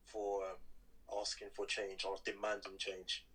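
A man's voice: deep voice, completely flat delivery, a little slow, pushed and bright, breathy edge, low-quality recording. A man leading a casual discussion, putting questions and giving his own views in an informal, conversational way. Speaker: discussion host. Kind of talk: casual chat, asking questions.

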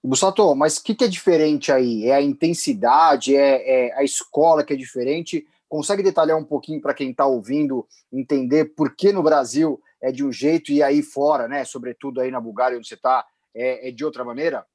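A male interviewer with a slightly husky voice and a dry sound. He builds long, winding questions, circling before he lands them. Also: medium pitch, normal speed, hardly any pauses, a little mellow, no echo. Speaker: interview host.

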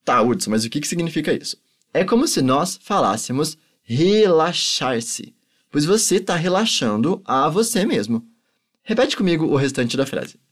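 A male teacher, a native Portuguese speaker, giving a language lesson and patiently drilling phrases slowly for repetition. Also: on the high side, big pitch swings. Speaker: German teacher.

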